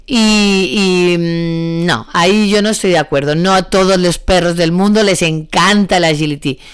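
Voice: mid-range voice, normal speed, clear, resonant tone, no room sound, studio quality. A dog trainer with a Spain Spanish accent giving casual spoken advice to a student, chatty and thinking aloud, often correcting itself.

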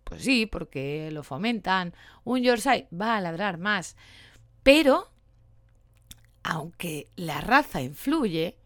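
A woman dog trainer explaining dog behavior in a casual, lively way, now and then acting out short quoted lines. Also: on the low side, takes it slowly, pauses often, dry recording, clean studio sound. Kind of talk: casual educational talk.

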